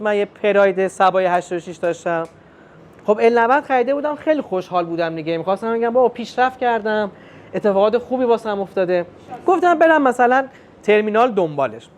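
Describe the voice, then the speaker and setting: A young man performing a stand-up comedy routine, telling family stories and acting out the dialogue in an animated way. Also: very high voice. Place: comedy club stage with live audience.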